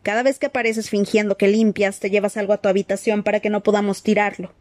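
A woman's voice: medium pitch, flat delivery, fast, darkish tone, no echo, lightly acted. Sirius, a woman playing a cold scornful man.

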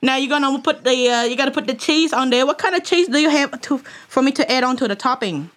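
A woman voicing a fussy, rambling prank caller with a put-on accent, asking halting, repetitive questions. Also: high-pitched, fairly bright tone. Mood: pushy. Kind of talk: prank phone call.

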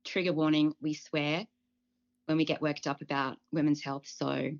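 Woman, 30s to 40s, podcast co-host, earnest and animated, lowish voice, muffled recording. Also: moderate pace, gravelly. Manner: animated, earnest, with ums and restarts. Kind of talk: casual podcast chat.

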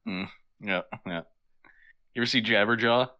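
A man's voice: fairly low pitch, normal speed, pushed and bright. A man co-hosting a podcast, teasing his partner and laughing easily in casual chat. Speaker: podcast co-host.

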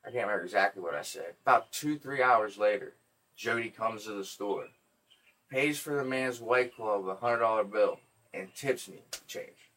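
Profane, animated male podcast host. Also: fairly low pitch, normal speed, far from the mic. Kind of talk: casual podcast chat.

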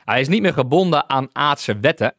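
With open enthusiasm, a man leads Bible teaching, frequently calling out hallelujah and restarting sentences as he reads and explains scripture. His middle-pitched voice is a bit bright, with lively intonation and a moderate pace. The recording is close and dry, free of room echo.

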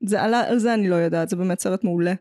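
A woman's voice: fairly low pitch, darkish tone, no echo, studio quality. A woman with an Israeli accent co-hosting a casual pop-culture podcast, opinionated and jokey, dropping in English phrases. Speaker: podcast co-host.

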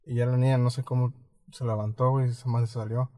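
A man's voice: medium pitch, flat delivery, fast, dark tone. A man with a Mexican accent, co-hosting a podcast and telling personal stories in a rambling, slang-heavy, casual way. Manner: rambling, slangy, fills nearly every phrase with "güey". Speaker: podcast co-host. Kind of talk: casual storytelling chat.

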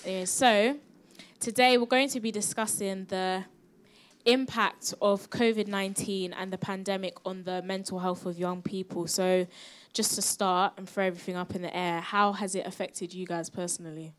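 A woman's voice: medium pitch, fairly even intonation, moderate pace. South london girl, 17, hosting a live podcast panel, chatty and informal. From South London, England. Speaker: podcast host moderating a panel. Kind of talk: casual live presenting.

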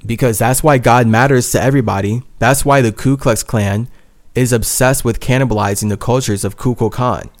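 A man's voice: medium pitch, steady tone, moderate pace. A man hosting a solo podcast monologue, talking in an earnest, intense way and repeating his phrases. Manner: earnest and intense, swings between heated and tender, repeats phrases. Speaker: podcast host.

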